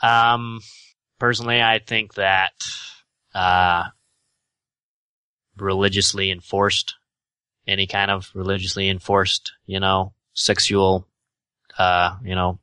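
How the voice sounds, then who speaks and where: Man, Utah accent, bright crisp tone, dry sound, tentative casual interviewee, halting phrasing. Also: low-pitched, flat delivery, no room sound. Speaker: podcast interview guest. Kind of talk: casual unscripted interview answers.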